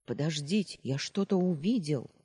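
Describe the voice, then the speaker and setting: A man's voice: a little high, sing-song, moderate pace, warm tone, breathy edge. A man voicing an eager, stubborn young boy who pleads and reports in a raised voice, in an audiobook reading.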